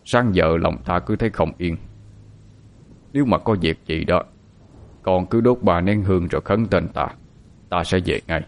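A man's voice: sits low, normal speed, long pauses. Man voicing a stern old sorcerer. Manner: stern, lecturing. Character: elderly male sorcerer master, stern and grave.

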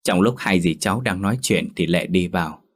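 A man with a low voice narrating a scripted ghost story, steady and dramatic. He voices every character himself between passages. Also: a little fast.

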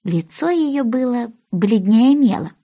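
A woman reading a children's story aloud as an animated, expressive narrator. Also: on the high side, slow pace. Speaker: storybook reader.

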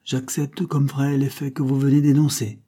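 A man's voice: mid-range voice, flat delivery, moderate pace, dark tone, voice pushed up, close to an everyday voice. A man voicing a resolute noble duke in a read-aloud novel, speaking firmly and with authority.

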